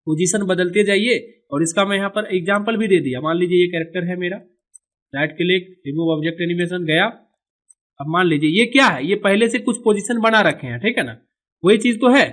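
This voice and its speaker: A man from India giving a step-by-step animation software tutorial, pausing on "okay" between steps. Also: high-pitched. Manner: explanatory, keeps saying "okay" between steps. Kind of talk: screen-recorded software tutorial.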